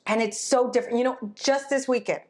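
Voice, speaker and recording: A woman's voice: a little high, fast, darkish tone. A woman in her twenties co-hosting a casual chat podcast, telling stories in a chatty way and slipping into Spanish phrases. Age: 20s. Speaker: podcast co-host.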